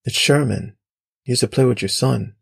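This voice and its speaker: A man's voice: medium pitch, moderate pace, vocal fry, breathy edge, heavily acted. A man reading a firm, guarded father. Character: protective Caribbean father, tense and guarded.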